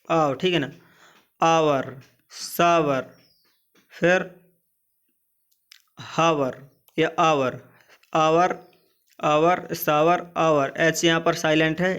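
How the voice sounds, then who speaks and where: Man, slightly high voice, Hindi-language English lesson, slow word-by-word drilling, asks questions back. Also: a bit bright. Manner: repeats example words slowly, asks the class "what?". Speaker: English pronunciation teacher.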